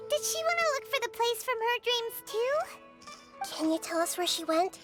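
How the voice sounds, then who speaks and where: A woman voicing a small, gentle, girl-like deity in a video game, polite and earnest. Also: extremely high pitch, big pitch swings, normal speed, exaggerated voice. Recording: game music underneath.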